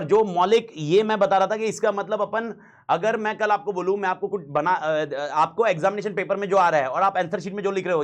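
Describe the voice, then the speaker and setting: A man teaching a class in a casual, slangy way, repeating key points and mixing in English phrases. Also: sits high.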